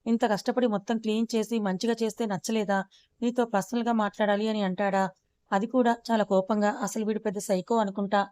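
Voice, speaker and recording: A woman's voice: mid-range voice, flat delivery, a little fast, darkish tone, lightly acted. A woman voicing a spirited young female personal secretary who speaks politely but pushes back when offended, in a storybook reading. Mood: indignant.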